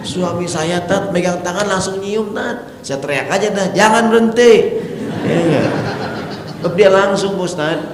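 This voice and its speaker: A man voicing a chatty middle-aged wife who complains in a shrill, high tone. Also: steady tone, normal speed, crowd noise, lightly acted. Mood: mock complaining. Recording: echoey hall, faint noise.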